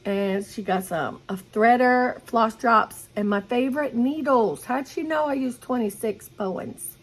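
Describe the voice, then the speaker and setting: A middle-aged woman with a fairly high-pitched voice chats at home about her cross-stitch haul. It's a casual show-and-tell, and she rambles enthusiastically at an unhurried pace.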